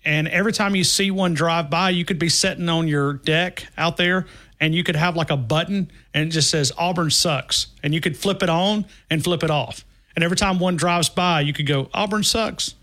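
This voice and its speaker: A man's voice: on the high side, steady tone, a little fast, fairly bright tone. A man hosting a call-in sports talk radio show, joking and rambling with callers. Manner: jokey, rambling.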